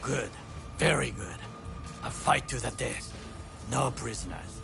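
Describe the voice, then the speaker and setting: An actor playing a stern, loyal bodyguard in a video game, speaking gravely and formally. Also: male voice, mid-range voice, expressive, a little slow, music in the background. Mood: grimly resolute. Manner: grave, clipped, formal phrasing. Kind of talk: dramatic video game acting.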